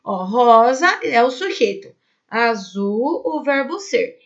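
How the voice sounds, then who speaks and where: A woman's voice: fairly high pitch, lively intonation, slow pace, highs cut off. A Brazilian woman whose first language is Portuguese, teaching a recorded Spanish class. She explains patiently and keeps checking in with her students.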